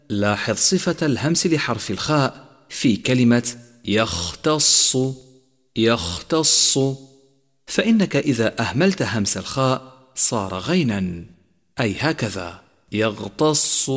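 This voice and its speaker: A man's voice: medium pitch, breathy edge. A man leading a practical tajweed lesson, addressing listeners and stressing each numbered point. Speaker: Quran recitation teacher. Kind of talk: scripted tajweed lesson narration. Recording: long reverb, echoey.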